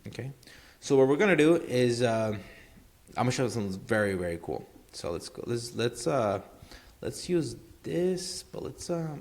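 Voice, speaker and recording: A man's voice: mid-range voice, animated, normal speed, a little mellow. Rambling casual tutorial guy. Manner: rambling, filler-heavy, keeps saying obviously and right. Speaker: marketing tutorial host. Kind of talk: casual screen-share tutorial.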